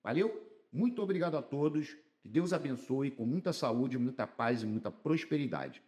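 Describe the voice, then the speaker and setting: A Brazilian man walks through exam answers as a Portuguese teacher in a casual video lesson. His pitch swoops up and down as he drags out words for emphasis. He talks in a loose, chatty way. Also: normal speed. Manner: animated, lively pitch swings, colloquial asides and stretched emphasis.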